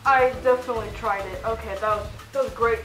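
This high-voiced woman hosts a playful cooking video from her home kitchen while wearing a fursuit, her words slightly muffled by the costume head. She talks fast in a steady tone, joking and chatting in a mock-serious teaching style, as the room echoes over soft background music.

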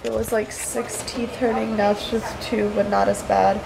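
A young woman talking casually in a home vlog, tired and sore after nose surgery, rambling in a low-key way. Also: little pitch movement, normal speed, creaky, background noise. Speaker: vlogger recovering from nose surgery. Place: at home indoors.

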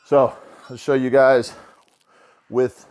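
A man's voice: medium pitch, level tone, slow, darkish tone. A man in his thirties casually explaining a homemade cable pulley setup in his garage gym, talking loosely with lots of fillers and restarts, recorded by a camera a few steps away. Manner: loose, rambling, full of "uh" and restarts. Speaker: home gym lifter explaining a DIY build. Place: home garage gym, indoors.

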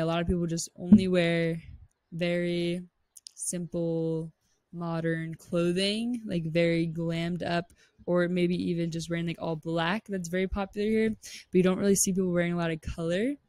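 Her voice sits on the low side and is a little mellow, recorded dry. She's a Pennsylvania podcast host in her 20s, chatting casually, bubbly and upbeat with plenty of fillers, on a rooftop terrace outdoors, a large desk mic held close and headphones on.

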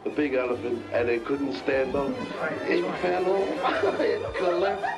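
A man's voice: medium pitch, lively intonation, measured pace, over loud music, rough recording. A man chuckling as he commentates over home movies. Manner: amused, chuckling.

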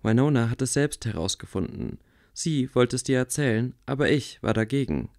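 A man reading aloud, voicing a calm, wry blind boy wizard who speaks quietly. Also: medium pitch, normal speed, lightly acted. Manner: quiet, level.

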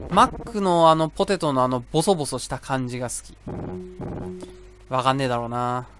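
A young man casually commentating a video game he is playing, talking to himself, rambling between exclamations. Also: mid-range voice. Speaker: gameplay commentator. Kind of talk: casual let's-play commentary. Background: game music.

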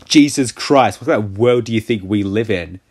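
A man's voice: lowish voice, normal speed, husky. A man doing casual gameplay commentary, sarcastic and crude, mocking the game. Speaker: gaming channel host. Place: voice-over of a mobile game.

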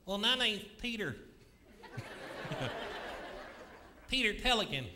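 A cocky pelican puppet, voiced by a man with a high, squawky pitch and a sassy, mocking drawl. It is recorded live on stage, and a noisy theater crowd can be heard clearly in the background. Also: lively intonation, moderate pace. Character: cheeky wisecracking male pelican puppet.

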